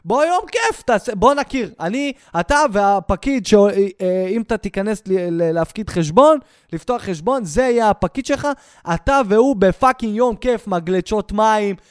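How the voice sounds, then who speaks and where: A young male comedian tears into his subject with crude, sarcastic outrage. His voice sits high and comes through smooth and clean. The sound is dry and close, with no room around it. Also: no room sound. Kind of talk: stand-up rant.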